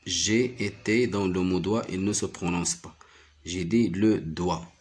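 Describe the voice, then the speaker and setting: Slow, patient male phonics teacher. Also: sits low, a little mellow. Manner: slow, patient, repeats each word and syllable. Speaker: primary school teacher. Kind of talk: phonics lesson.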